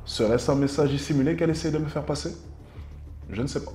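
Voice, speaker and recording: A man's voice: on the high side, fast talker, warm tone, slight background noise. A man in his twenties presenting a video with formal, scripted narration to camera. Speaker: presenter of a loyalty test video. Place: living room, indoors. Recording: roomy echo under music. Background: music.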